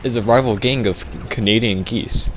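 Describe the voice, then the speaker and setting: A young man telling an absurd comic story deadpan, rambling and halting with lots of restarts. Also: on the low side, a little hiss or hum. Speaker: vlogger.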